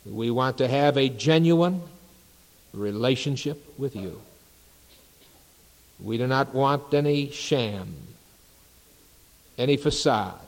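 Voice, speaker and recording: A male pastor leads his congregation through scripture and prayer at a slow, deliberate pace, leaving reverent pauses between phrases. His voice sits at an ordinary middle pitch. A long reverb trails every word in the large sanctuary. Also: darkish tone. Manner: unhurried, measured preaching with reverent pauses. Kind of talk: sermon. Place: church sanctuary.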